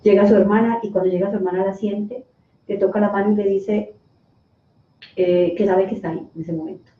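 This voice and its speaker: A middle-aged woman giving an emotional personal account as a guest, halting with restarts and fillers. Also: medium pitch, steady tone. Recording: echoey, distant, phone-like sound.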